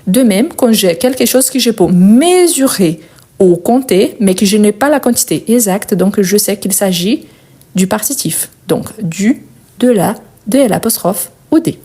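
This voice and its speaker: A woman's voice: mid-range voice, lively intonation, measured pace, mellow. A woman teaching a live French grammar lesson, explaining patiently and repeating key words.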